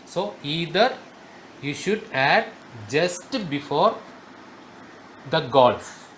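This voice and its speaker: Slow, high-voiced man teaching grammar. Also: lively intonation, fairly bright tone, slight background noise. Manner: slow, emphatic, repeats key words. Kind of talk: spoken grammar lesson.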